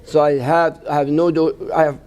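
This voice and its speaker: An imam in his 60s from Gaza, Palestine, gives a personal account as a guest in an interview at a mosque event. His voice is fairly high, flat, and darkish, with slight background noise, and his broken English is halting, full of restarts.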